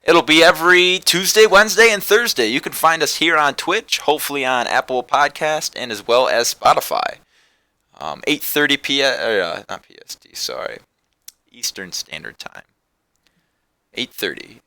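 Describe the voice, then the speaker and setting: A man's voice: a little high, animated, moderate pace, bright, forceful tone, no echo. A man hosting a casual podcast, rambling loosely through his thoughts and turning upbeat when he plugs the show. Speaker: podcast host. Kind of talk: casual chat.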